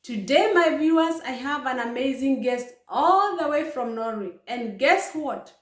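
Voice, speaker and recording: A woman's voice: high-pitched, expressive, measured pace. A woman hosting an interview show, upbeat and talking straight to her viewers. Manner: upbeat, addresses viewers directly. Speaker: host. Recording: echoey room.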